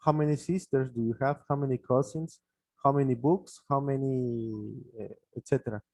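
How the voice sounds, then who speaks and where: A native Spanish-speaking man gives an online English grammar lesson in a mellow, relaxed voice. He explains each rule step by step, repeats the example words, and fills pauses with small hesitations. The sound is dry and close. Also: mid-range voice, dry recording. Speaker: English teacher.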